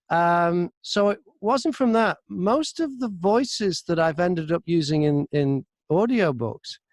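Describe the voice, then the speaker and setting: Being interviewed in a relaxed, anecdotal chat, a middle-aged Briton who does voice-over work and once presented radio spins chatty, self-mocking stories with practiced ease. He has a fairly high voice, and the recording is dry with no room sound at all.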